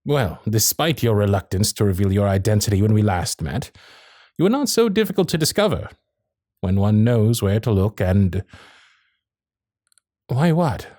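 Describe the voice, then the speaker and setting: A lower-pitched male voice at normal speed, with long pauses, plays a charming, eager Victorian gentleman courting his beloved; he is courtly, smitten, protective and witty. Genteel, flirtatious period diction and lively intonation fill this ASMR romantic roleplay, recorded intimately and dry on a close studio microphone with no room sound.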